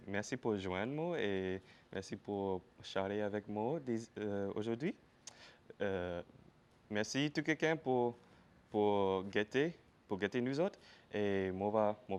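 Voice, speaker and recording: A man with a Louisiana Cajun-Creole French accent hosting a casual interview, speaking haltingly and repeating his phrases. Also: on the low side, darkish tone, clear, resonant tone. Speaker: interview show host.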